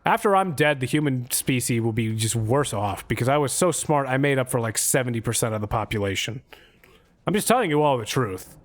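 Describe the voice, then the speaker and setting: A young adult man's expressive, mid-range voice moves fairly quickly as he streams a game live. He rambles along, cracking sarcastic and profane jokes throughout his play.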